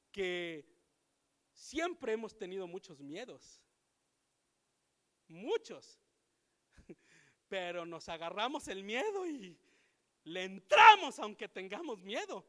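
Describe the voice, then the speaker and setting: A man with a Mexican accent preaches a sermon in a church hall, his very high voice bright and forceful. He moves between relaxed storytelling and emphatic exhortation. Long reverb from the hall trails behind every line. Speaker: pastor. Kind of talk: sermon with personal anecdotes.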